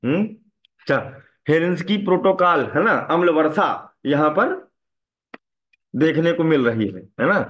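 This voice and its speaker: A man lecturing a class in a fairly high voice. He keeps checking in with his students, firing questions at them and tagging his sentences with a quick "right?". His voice sits a little above most men's. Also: lively intonation, fairly bright tone. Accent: Hindi. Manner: asks the class questions and repeats "है ना" often. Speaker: teacher.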